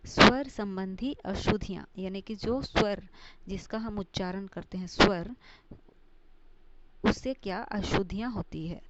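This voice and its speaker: A woman's voice: mid-range voice, a little slow. A woman teaching a Hindi grammar lesson, repeating each point and glossing terms with English words. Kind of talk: slow classroom grammar lesson. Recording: dull lo-fi recording with steady noise.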